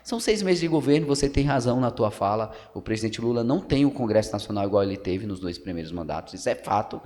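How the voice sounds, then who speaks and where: A Pernambuco, Brazil man in his thirties, a local journalist appearing as a podcast guest, offers casual political commentary, explaining at length with lots of fillers and tag questions. His fairly low voice is expressive, quick and a little mellow, echoing with long hall reverb in a council building room.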